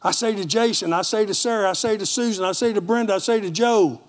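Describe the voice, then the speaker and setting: A man preaching a lively sermon in a church with a Texan accent, calling for amens from the congregation. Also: sits high, quick pace. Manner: animated preaching with call-and-response. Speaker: pastor.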